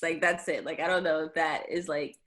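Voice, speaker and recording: Low-voiced rambling young woman. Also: steady tone, brisk, fairly bright tone. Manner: chatty, rambling with many fillers and restarts. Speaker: musician guest. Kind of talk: casual interview chat.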